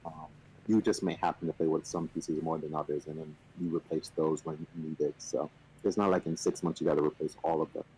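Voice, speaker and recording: Deep husky-voiced man explaining a game. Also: brisk, rough recording. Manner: relaxed, playful boasting, many fillers. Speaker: company representative teaching the game. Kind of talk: casual chat on a stream.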